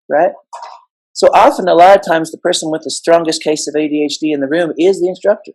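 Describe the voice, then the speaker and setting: A man's voice: fairly high pitch, vocal fry, darkish tone, husky, low-quality recording. A middle-aged man telling his story as a guest in a casual interview, impassioned and emphatic with a joking streak. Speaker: guest educator.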